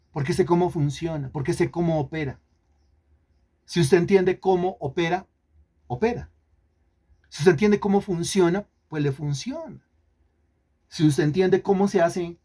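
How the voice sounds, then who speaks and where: A man preaching at a middle pitch, teaching through repetition and steady rhetorical questions. He stretches important words out slowly for weight and slips in dry, sarcastic asides to the listeners. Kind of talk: sermon teaching.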